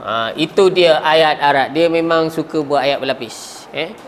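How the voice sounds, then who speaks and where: A Malaysian man teaching a class with a high, light voice and a Malaysian Malay accent. He keeps putting questions to his students and sometimes trails off mid-word. Faint hiss sits under the classroom recording. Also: measured pace. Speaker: Arabic grammar teacher. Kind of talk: classroom lesson.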